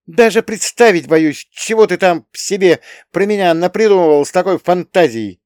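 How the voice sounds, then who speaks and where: A guilt-ridden young woman lieutenant weeps as she talks, her voice pitched high and pleading, put on by a man reading an audiobook. It swoops around a lot and sounds dry and close, with no room around it. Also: sing-song, normal speed, dry recording. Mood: agitated. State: crying. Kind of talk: audiobook character voice.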